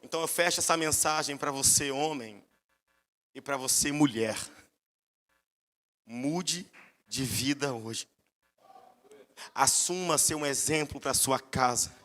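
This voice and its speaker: A Brazilian man preaching a sermon with a bright, forceful voice, set a little high for a man. He tells his stories with sweeping, emphatic rises, and his words ring out with a long hall reverb behind them. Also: normal speed. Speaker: pastor.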